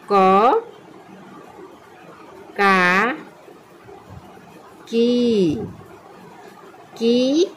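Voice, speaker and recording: Woman teacher, very slow, asks and answers her own questions, faint hiss behind. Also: medium pitch, darkish tone, rough recording. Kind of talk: slow children's lesson.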